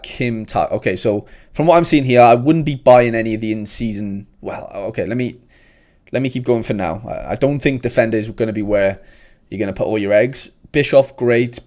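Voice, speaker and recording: A man's voice: mid-range voice, a little mellow. A young man from South Wales with a South Welsh accent, hosting a casual livestream and chatting with viewers in a laid-back way. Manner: chatty, laid-back, uses "mate" often. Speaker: host.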